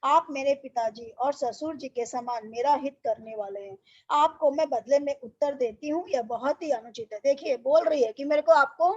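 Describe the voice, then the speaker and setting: Woman, scripture class teacher, high voice, patient and questioning, muffled recording. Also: a little mellow. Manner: explains patiently, quizzes the class, recites verses slowly. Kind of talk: scripture study class with recited verses. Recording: dull lo-fi recording.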